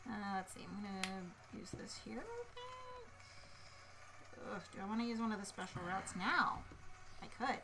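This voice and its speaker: A woman's voice: mid-range voice, steady tone, a little fast, poor audio. A woman co-hosting a casual board game stream, thinking aloud with playful muttering and little vocal sound effects. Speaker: co-host of a board game play-along stream. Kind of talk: casual chat while playing a board game.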